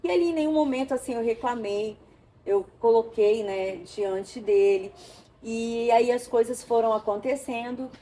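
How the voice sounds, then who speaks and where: A woman from Brazil, an interview guest, telling an emotional personal story with animated storytelling and acted-out dialogue. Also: a little high, normal speed.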